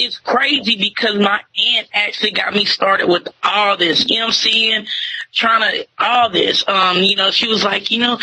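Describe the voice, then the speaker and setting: Her voice is mid-range, husky, pushed and bright, caught on a rough recording. A young radio host from Tyler, Texas, she sits for a casual interview and talks in an easygoing, slang-heavy way with plenty of fillers.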